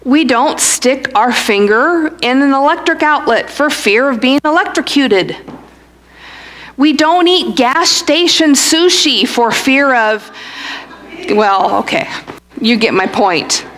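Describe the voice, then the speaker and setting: Slow-spoken woman pastor preaching. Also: high voice, expressive, fairly bright tone. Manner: dry humorous asides; storytelling delivery. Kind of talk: sermon.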